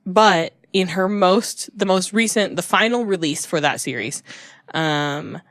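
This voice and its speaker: A woman's voice: fairly low pitch, a little slow, fairly bright tone, dry recording, studio quality. A woman hosting a casual book podcast, rambling and correcting herself as she talks. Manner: rambling, restarts and self-corrections. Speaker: podcast host. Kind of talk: casual chat about books.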